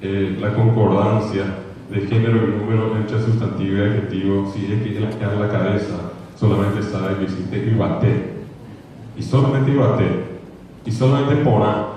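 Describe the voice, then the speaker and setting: A man's voice: lowish voice, dark tone, slight background noise. A man with a Paraguayan Spanish accent giving an earnest, repetitive conference lecture, now and then mimicking how children mispronounce words. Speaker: congress speaker. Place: lecture hall. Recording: echoey hall from far off, dull.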